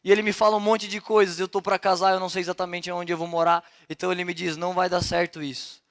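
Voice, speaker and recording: Young Brazilian man, high voice, conversational preacher who acts out scenes in his sermon. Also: very fast. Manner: animated and conversational, acting out dialogue. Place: church service.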